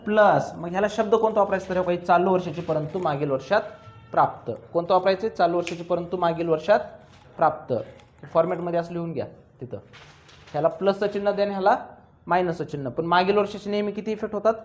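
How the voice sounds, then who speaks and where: A man teaching accounts in a classroom, with a high-pitched voice. He keeps firing questions at the students and pulls their answers out of them. His delivery is teasing and full of drills. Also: steady tone, quick pace, muffled recording. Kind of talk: classroom lecture.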